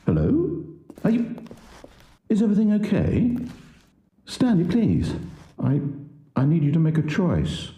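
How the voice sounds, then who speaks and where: Needy game narrator, kinda high, begs and scolds, echoey game audio. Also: male voice, huge pitch swings, warm tone. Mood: pleading. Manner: indignant then pleading, measured storyteller delivery. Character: wry, needy male storybook narrator voice.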